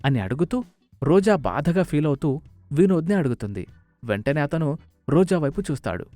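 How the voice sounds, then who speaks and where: Lively male storyteller, dry sound. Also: a little high, moderate pace, no room sound, soft background music. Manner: expressive, animated. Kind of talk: scripted story narration.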